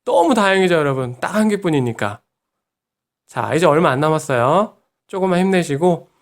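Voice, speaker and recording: A man teaching Japanese pronunciation in a lesson video, patient and encouraging, modelling each syllable slowly. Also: a little high, lively intonation. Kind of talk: online language lesson.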